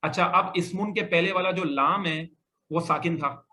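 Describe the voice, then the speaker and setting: In a classroom grammar lesson, a male Arabic teacher with a high, sharp voice drills students with questions at a moderate pace and has them repeat the answers back.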